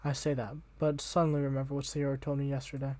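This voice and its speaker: A man's voice: medium pitch, completely flat delivery, fast, dark tone, no room sound. A young man reading a visual novel aloud as the channel host, casual and slangy, tripping over words now and then.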